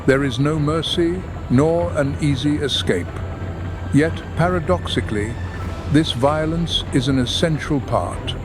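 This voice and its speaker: A man narrating a scripted nature documentary in a measured, dramatic delivery. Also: fairly high pitch. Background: background music.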